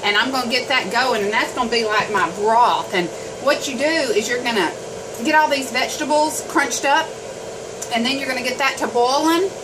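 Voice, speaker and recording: A woman's voice: a little high, moderate pace, background noise. Woman, homespun cooking chat, distant mic, kitchen clatter behind. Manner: chatty, homespun, talks to viewers while cooking. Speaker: home cooking vlogger. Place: home kitchen. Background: chopping, sizzling pans and dishes.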